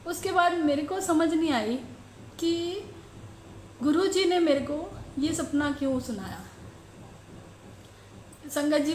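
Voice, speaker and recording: High-pitched auntie telling the sangat about her dream, halting, lots of pauses. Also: slight background noise. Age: middle-aged. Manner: slow, halting, searching for words. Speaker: devotee sharing a dream. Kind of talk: devotional storytelling to the congregation. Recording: roomy echo.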